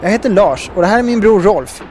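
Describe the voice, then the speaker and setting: A man's voice: sits high, animated, darkish tone, slight background noise, pitched above the performer's own voice. A man voicing a friendly old bearded fisherman who greets visitors heartily. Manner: hearty, hesitant.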